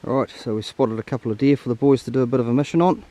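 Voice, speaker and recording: Mellow laid-back bloke, broad Kiwi accent. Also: male voice, mid-range voice, steady tone, racing. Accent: broad New Zealand. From New Zealand. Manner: laid-back, matey slang. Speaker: hunting guide and vlog host. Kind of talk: casual outdoor vlog talk. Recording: faint outdoor background noise.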